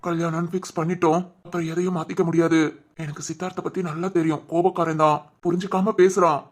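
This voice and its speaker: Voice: mid-range voice, flat delivery, fast talker, a little mellow, natural voice. A performer voicing a caring older brother. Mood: reassuring. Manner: soothing, reassuring, advising. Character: young man, caring protective older brother. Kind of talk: cartoon voice acting.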